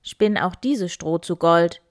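A woman voicing a greedy king, giving loud, commanding orders. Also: lowish voice, takes it slowly, no room sound. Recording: dry close recording.

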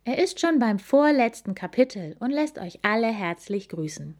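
A woman voicing a kind, motherly hotel keeper in a storybook reading, warm and caring. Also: on the high side, very animated, normal speed, pitched above the performer's own voice.

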